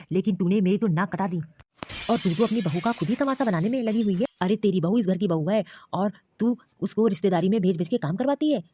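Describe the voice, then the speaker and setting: A woman's voice: medium pitch, warm tone, close to an everyday voice. A woman voicing a stern but caring elderly father-in-law in a cartoon story, scolding and commanding. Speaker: cartoon voice actor. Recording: dull lo-fi dry recording.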